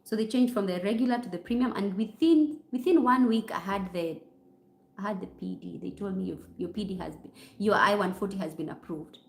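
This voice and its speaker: A woman's voice: mid-range voice, a little fast, gravelly. Chatty Kenyan woman on a roomy livestream. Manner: chatty, mixing in Swahili phrases. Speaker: nurse. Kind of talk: livestream chat answering viewer comments. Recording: roomy echo.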